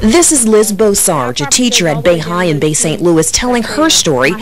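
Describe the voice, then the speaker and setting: A woman's voice: lowish voice, sing-song, moderate pace, a crowd in the background. A woman TV reporter reading scripted narration for a news feature story. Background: loud music.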